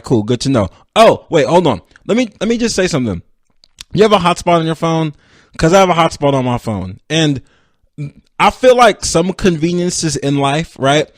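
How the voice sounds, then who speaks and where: His voice sits on the high side as this young man runs a laid-back solo sports podcast, rambling and self-deprecating while addressing his listeners. The recording is clean studio sound with no echo.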